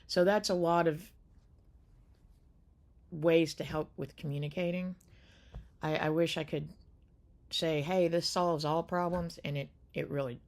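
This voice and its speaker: A woman's voice: sits low, creaky, a little mellow. A woman hosting a caregiving channel, talking casually to the camera in a loose, rambling way with many fillers and restarts.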